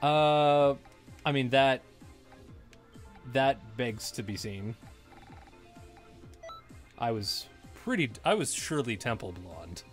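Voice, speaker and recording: Male let's-play co-host, eager, playful banter, faint game music behind, average pitch. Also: expressive, slow, long pauses. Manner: enthusiastic, playful commentary on character creation. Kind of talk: casual gameplay chat on a live stream.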